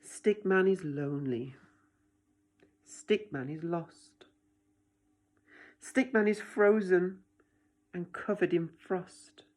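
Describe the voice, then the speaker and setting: Slowly and with long pauses, a teacher reads a picture book to children in a low-leaning, darkish voice. Her delivery is dramatic and expressive, and she speaks directly to her young listeners in asides.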